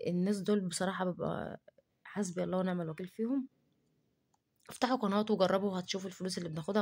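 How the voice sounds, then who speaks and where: Egyptian lady venting to her camera, talks super fast, defensive. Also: fairly low pitch, darkish tone. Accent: Egyptian Arabic. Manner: indignant, defensive rant with rapid talk. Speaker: cooking vlogger. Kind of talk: casual talking-to-camera vlog.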